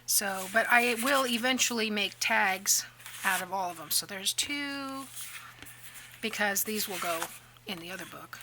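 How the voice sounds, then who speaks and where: A woman's voice: medium pitch, unhurried, noisy background. A woman talks casually through a crafting tutorial and tells rambling stories in a chatty way. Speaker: crafting vlogger.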